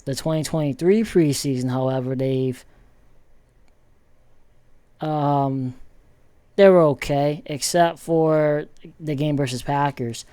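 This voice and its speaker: A man casually rambling through football commentary with many pauses and restarts. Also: on the high side, steady tone, dark tone, dry recording. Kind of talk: casual sports commentary vlog.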